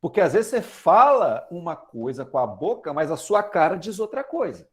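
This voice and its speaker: Lively high-voiced Brazilian preacher man. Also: normal speed. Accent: Brazilian Portuguese. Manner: chatty, asks the congregation questions, uses homely examples. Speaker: lay preacher. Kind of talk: conversational sermon.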